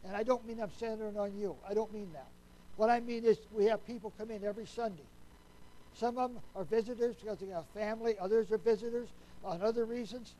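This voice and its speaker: A man preaching a Sunday sermon in a folksy, conversational way, often asking the congregation questions and dropping to a hushed voice at solemn points. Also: sits high, steady tone, quick pace, rough recording.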